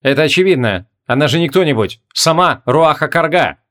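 A man's voice: a little high, lively intonation, a little fast, fairly bright tone. Man reading a courteous king. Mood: composed. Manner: courteous, composed. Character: polite, thoughtful middle-aged king.

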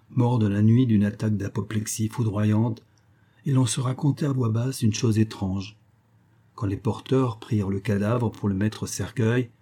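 A man reading a nineteenth-century story aloud as literary narration, in a measured storytelling manner. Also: medium pitch, mellow, breathy edge. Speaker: audiobook reader.

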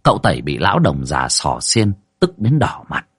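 A man's voice: extremely low pitch, moderate pace, husky, no echo, studio quality. A man narrating a ghost story dramatically and acting out every voice. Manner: animated, acts out all the voices.

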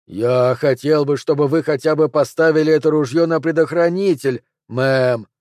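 A man reading an audiobook, voicing a calm and polite [name] impersonator who speaks gently. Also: on the high side, moderate pace, no room sound, studio quality, natural voice. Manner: gentle, courteous.

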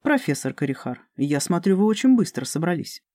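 The audiobook narrator voicing a calm, courteous male rector of a magic academy. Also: medium pitch, brisk, no echo, studio quality. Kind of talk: audiobook character reading.

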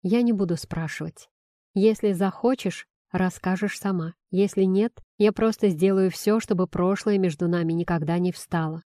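A confident, tender male doctor, as a woman reading the story puts him on, coaxing and teasing in a soft, low hush. The storybook voice sounds mellow and dark. It is close and dry, with no room around it. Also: normal speed, no room sound, close to an everyday voice.

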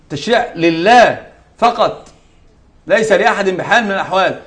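A man delivering a religious lesson at a brisk, rapid clip, his voice sitting somewhat high for a man. He presses his points by repeating key words and weaves in scripture quotes. Now and then he turns aside to address his students directly. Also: fairly bright tone. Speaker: sheikh teaching a lesson.

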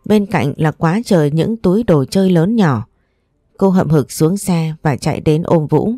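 A woman reading an audio story aloud, narrating and voicing every character in one steady voice. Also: deep voice, unhurried, dry recording, soft background music. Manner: reads all parts in one steady voice.

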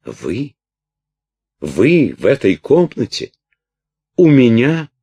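A man reading aloud and voicing a furious, ill young captive princess with shrill, scornful outbursts. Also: animated, a little slow, a little mellow, breathy edge, no echo, full character voice. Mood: shocked, bitter.

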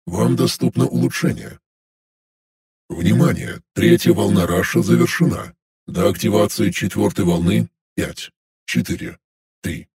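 A man voicing a calm game-system announcer that reads out measured, official countdowns in an audiobook. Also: fairly low pitch, breathy edge, voice pushed down, heavily acted. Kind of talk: audiobook narration.

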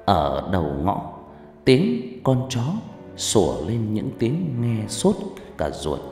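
Male audiobook narrator, animated dramatic read, long reverb, faint music bed. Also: lowish voice, slow pace. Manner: lively, dramatic storytelling. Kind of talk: scripted horror story narration. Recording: echoey hall with faint background music.

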